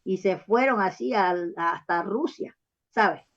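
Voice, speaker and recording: A woman's voice: medium pitch, slow pace, a bit bright. A woman author giving long, rambling interview answers, full of false starts and check-ins with the listener. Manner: rambling, often checks in with "¿sabes?" and "¿ah?"; frequent false starts and hesitations. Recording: dull lo-fi recording.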